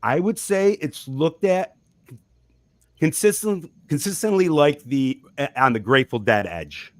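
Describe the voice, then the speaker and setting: A man's voice: fairly high pitch, expressive, a little slow, no room sound. Chuckling musician man, dry close sound. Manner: rambling, chuckling, frequent restarts. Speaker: musician guest. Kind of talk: casual interview talk.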